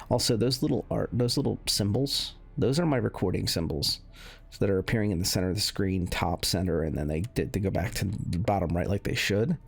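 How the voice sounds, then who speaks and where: A video game reviewer running benchmarks gives casual, unscripted commentary in a low, creaky voice. He explains things in a meandering, hesitant way, with music playing under his voice.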